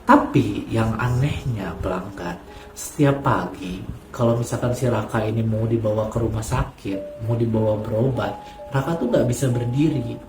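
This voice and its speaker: A man's voice: lowish voice, moderate pace. A man hosting a horror story channel, chatting casually and addressing his listeners directly. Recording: echoey room, faint music.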